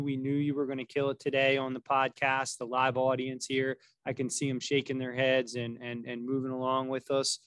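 Male interview host, appreciative and affirming, flat intonation, dry sound. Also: medium pitch, no echo. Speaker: podcast host. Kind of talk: interview hosting before a live audience.

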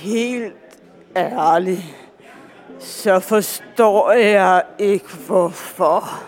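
An actor playing a pushy man at a bar who knows the listener's father and probes with persuasive questions. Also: sits high. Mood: probing. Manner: probing, persuasive. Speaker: stranger at a bar. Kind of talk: radio drama acting.

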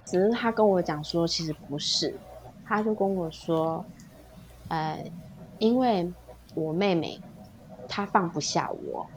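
A woman's voice: on the low side, unhurried, long pauses, low-quality recording. A woman with a Taiwanese Mandarin accent, a podcast guest telling an emotional personal story in casual chat, animating it by acting out what people said. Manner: animated storytelling, acts out quoted dialogue. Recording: faint background noise.

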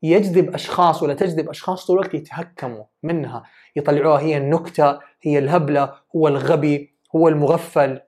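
A woman's voice: low voice, quick pace, mellow. A woman giving an earnest, emphatic self-development talk. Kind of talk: motivational talk.

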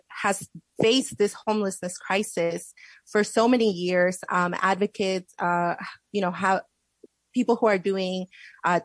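A woman hosts a live discussion in a medium-pitched voice. She feels her way through questions in loose, conversational phrases. The sound is dry, with no room echo. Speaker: interview host. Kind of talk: unscripted live interview hosting.

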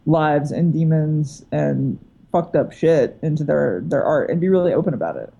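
A woman guest author in a casual chat, making quick wry asides. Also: low voice, expressive, vocal fry, mellow, muffled recording, slight background noise. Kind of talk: casual conversation.

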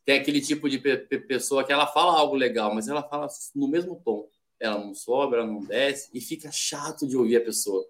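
A man's voice: medium pitch, fairly quick, a bit bright. A man from Brazil, a podcast guest in casual chat, explaining ideas step by step and acting out little quoted examples. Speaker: podcast guest, sales development rep.

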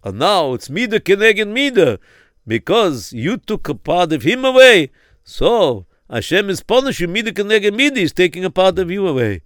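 A man playing a grave, insistent rabbi who slows down to press his points. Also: sits high, sing-song, a bit bright, no room sound, clean studio sound. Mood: solemn. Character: stern, solemn male rabbi advising a father.

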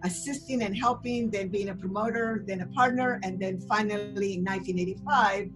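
Enthusiastic older woman with a Chilean accent, interview guest, music bed clearly under her. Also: medium pitch, a little fast, rough recording. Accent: Chilean Spanish. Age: 60s. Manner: enthusiastic, storytelling, many fillers. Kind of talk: interview answers.

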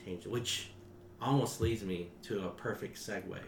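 A man's voice: fairly low pitch, unhurried, vocal fry, a little hiss or hum. Man co-hosting a podcast, echoey room. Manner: laughs often, hesitant with fillers. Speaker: podcast co-host. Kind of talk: casual chat.

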